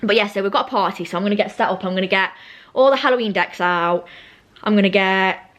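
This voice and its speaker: A woman's voice: medium pitch, fast, a bit bright. A young British woman chatting casually and ramblingly in a vlog, her speech slightly slushy from braces with elastic bands. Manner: rambling, self-interrupting, informal. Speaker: vlogger.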